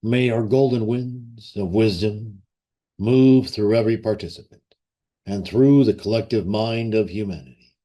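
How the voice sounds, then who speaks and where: Solemn and reverent as a formal invocation, a man guides a ceremonial meditation. His fairly low, warm voice moves very slowly through short phrases, leaving long pauses between them.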